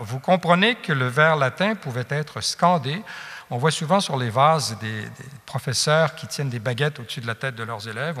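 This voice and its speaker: A man's voice: medium pitch, pushed and bright. Man lecturing in a reverberant classroom. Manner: chants verse rhythms, many fillers and restarts. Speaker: teacher.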